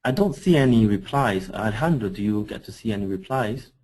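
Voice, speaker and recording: A man's voice: fairly low pitch, lively intonation, brisk, darkish tone. A man from Singapore, a coaching trainer, giving an online webinar through a computer mic, talking hesitantly with many fillers and restarts. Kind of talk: webinar presentation. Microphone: computer mic on an online call.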